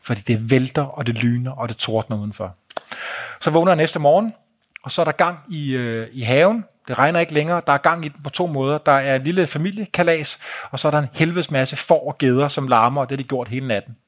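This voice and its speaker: A man telling a travel story to an audience in a live talk, vivid and blunt, with swearing and pointing out photos. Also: mid-range voice.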